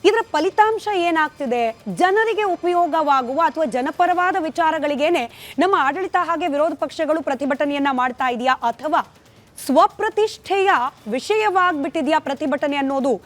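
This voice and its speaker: Kannada woman anchoring, high voice. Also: moderate pace, soft background music. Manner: pointed rhetorical questions. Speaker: news debate anchor. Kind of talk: scripted news debate intro.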